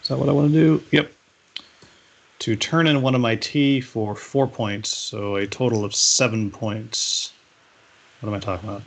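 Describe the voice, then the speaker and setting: A man's voice: medium pitch, fairly even intonation, moderate pace, gravelly. A man playing a board game with friends, teasing them and counting his moves aloud. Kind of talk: casual game-night chat.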